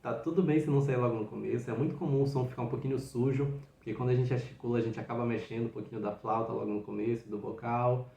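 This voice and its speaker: A man's voice: mid-range voice, fairly even intonation, fast talker, creaky, hardly any pauses, heavy background noise. A man, a flute teacher explaining technique in a patient, encouraging, step-by-step way. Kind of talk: instructional video. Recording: roomy echo.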